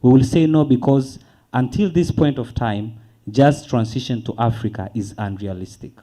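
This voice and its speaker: A man makes his case on a conference panel. He is earnest and asks rhetorical questions. He slows down to press key points. His voice is deep, dark and mellow. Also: low-quality recording. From Tanzania. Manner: earnest, rhetorical questions, slow emphatic stress.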